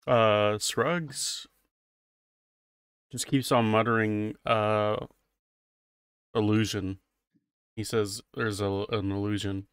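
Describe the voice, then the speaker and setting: A man narrating as game master of a tabletop game, low-key and matter-of-fact. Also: steady tone, takes it slowly, fairly bright tone, clear, resonant tone, no echo, studio quality.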